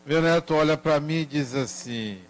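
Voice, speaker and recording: An older grandfather telling a family story and reflecting on it in a deliberate, gentle way. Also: on the high side, low-quality recording.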